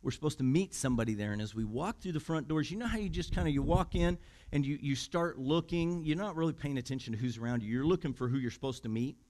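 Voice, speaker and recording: Brief: Midwestern man preaching in a church, chatty storyteller, slightly high voice, stumbles over repeated words. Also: fast, a little mellow. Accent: Midwestern American. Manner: conversational, acts out quoted voices, repeats words when starting. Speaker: pastor. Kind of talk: sermon with storytelling. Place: church sanctuary.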